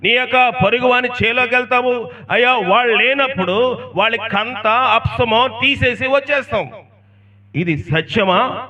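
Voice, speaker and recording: High, bright-voiced preacher man. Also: a little slow. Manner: rhetorical questions, storytelling. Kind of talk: emphatic sermon. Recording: distant, dull lo-fi sound.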